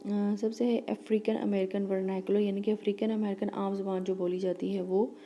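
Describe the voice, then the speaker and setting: A woman teacher giving a lecture, reading English lines slowly and explaining them quickly in between, with fillers and restarts. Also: mid-range voice, flat delivery, mellow, highs cut off, faint music behind.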